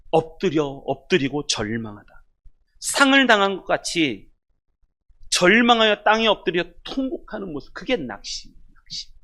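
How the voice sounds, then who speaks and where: A man preaching a sermon as pastor, swinging from loud exhortation to hushed, almost whispered lines and leading the congregation in reading aloud. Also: on the high side.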